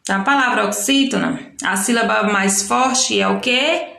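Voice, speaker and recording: A gravelly, bright, forceful mid-range voice echoes around the room as this Brazilian primary school teacher records a remote textbook lesson for young pupils. She speaks with a Brazilian Portuguese accent, explaining slowly and patiently while often correcting herself.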